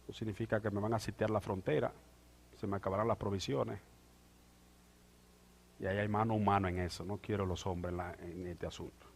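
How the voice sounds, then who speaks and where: A male pastor preaching a sermon, moving from quiet asides to loud, drawn-out proclamation. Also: fairly low pitch, steady tone, creaky, slight background noise. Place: church sanctuary. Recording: church hall with long reverb.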